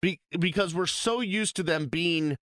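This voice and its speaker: A man from Boston, USA co-hosts a sports radio show in a casual, emphatic style, animated and full of quick asides. His voice is high. The recording is dry and studio quality, made with a studio microphone.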